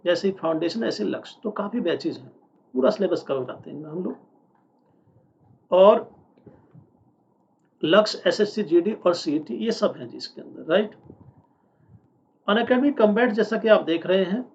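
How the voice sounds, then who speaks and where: An Indian male English teacher with a high, gravelly voice who drills example sentences slowly and stresses each phrase. The sound is dull and lo-fi. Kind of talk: online English lesson in Hindi.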